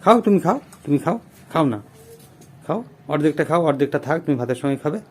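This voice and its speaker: A man playing a father in a family vlog, coaxing and gently lecturing his daughter. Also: fairly high pitch, animated, fast talker, slight background noise. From Bengal. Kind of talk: scripted family drama vlog.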